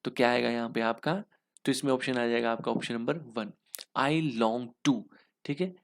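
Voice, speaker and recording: At a moderate pace and in a mid-range voice, a young man with an Indian English accent leads a Hinglish exam lesson. Each answer gets a step-by-step explanation, with him asking questions and answering them.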